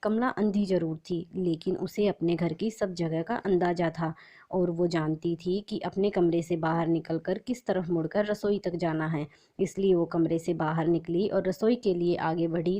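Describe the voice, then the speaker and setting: A woman telling a moral story in steady scripted narration. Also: lowish voice, normal speed.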